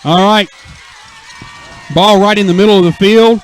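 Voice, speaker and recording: A man doing folksy live American football radio play-by-play, with excited, drawn-out touchdown calls. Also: sits high, rough recording. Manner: folksy exclamations and asides. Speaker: play-by-play sports announcer.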